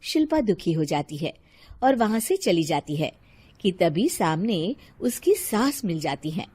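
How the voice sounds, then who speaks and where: A woman narrating a cartoon moral story in a calm, even voice. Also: lowish voice, unhurried, husky.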